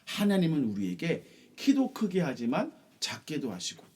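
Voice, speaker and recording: A man telling a Bible story to children in a gentle sermon, addressing them as friends. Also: fairly high pitch, huge pitch swings, moderate pace, slightly rough. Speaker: children's preacher.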